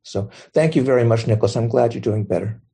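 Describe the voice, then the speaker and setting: A man, a Zen teacher, giving a gentle, thoughtful dharma talk and taking questions. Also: mid-range voice, fast talker, gravelly, slightly rough.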